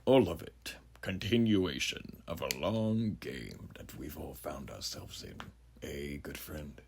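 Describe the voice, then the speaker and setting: A man playing a huge, ageless, sinister judge who muses grandly and theatrically in a horror monologue, with a gravelly, breathy voice and rhetorical questions to the listener. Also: very deep voice, expressive, takes it slowly, darkish tone, a little hiss or hum, exaggerated voice. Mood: grandiose, sinister. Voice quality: gravelly, husky, breathy at phrase ends. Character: huge ageless sinister philosophizing judge, menacing male drifter.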